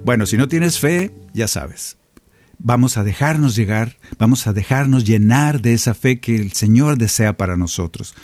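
Man, mellow tone, leads prayer, conversational with jokes, soft guitar behind. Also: mid-range voice, animated, normal speed. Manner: conversational, with joking asides. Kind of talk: prayer and spiritual reflection. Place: home recording studio.

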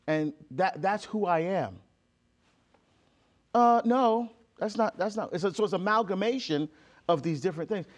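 High-voiced emphatic man from Barbados. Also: lively intonation, measured pace, pauses often. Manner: emphatic, acts out quoted exchanges, many fillers and restarts. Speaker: deacon and author, guest. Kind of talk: impassioned conversational interview.

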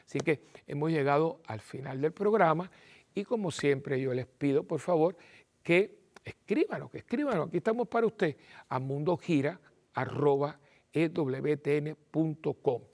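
Gravelly priest. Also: male voice, a little high, moderate pace. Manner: animated, acts out little dialogues and repeats phrases for emphasis. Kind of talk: televised sermon talk.

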